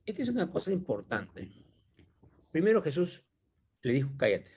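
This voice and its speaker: A man's voice: a little high, very animated, normal speed, gravelly, darkish tone, slightly rough. A man giving an informal Bible teaching, thinking aloud and asking rhetorical questions as he explains the passage.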